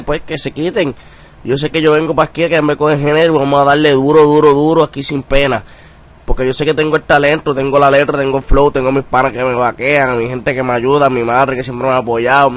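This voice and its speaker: A young man with a Puerto Rican accent speaks in a flat, even tone that barely rises or falls. He talks in casual street slang, often pausing on filler words as he answers an interviewer's questions. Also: medium pitch. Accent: Puerto Rican Spanish. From Puerto Rico. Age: young adult. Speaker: rapper interviewee.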